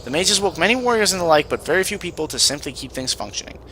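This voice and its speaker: A man's voice: a little high, lively intonation, fast talker, pushed and bright, slight background noise, pitched above the performer's own voice. A man voicing a tired, overworked male Vahnatai cook who speaks in a stiff, formal way and grumbles about his workload. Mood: weary. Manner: tired, complaining, formal stilted speech.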